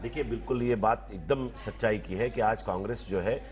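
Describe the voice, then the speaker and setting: A man arguing as a political panelist in a televised debate, speaking forcefully in long rhetorical sentences. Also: on the low side, normal speed. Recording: slightly dull TV broadcast audio.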